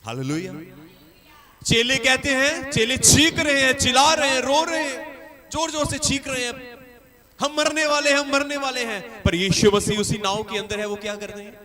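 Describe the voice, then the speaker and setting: A man's voice: very high voice, moderate pace, crowd noise. A man preaching a sermon as a pastor, emphatic and repetitive, with frequent calls of hallelujah.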